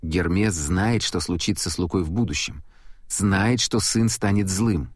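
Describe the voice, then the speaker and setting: A man narrating an audiobook in a steady, measured reading voice. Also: low-pitched, no room sound, clean studio sound.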